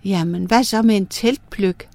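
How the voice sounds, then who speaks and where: A kindly magical reindeer offers idea after idea in a patient, even voice, as a woman telling a folk tale puts him on. The sound is dry and close to the mic. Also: medium pitch, creaky, no room sound, natural voice. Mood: suggesting. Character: helpful magical male reindeer.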